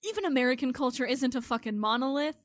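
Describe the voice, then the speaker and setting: A woman's voice: high-pitched, expressive, fast talker. A woman co-hosting a casual podcast chat, speaking in an informal, emphatic, opinionated way. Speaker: podcast co-host.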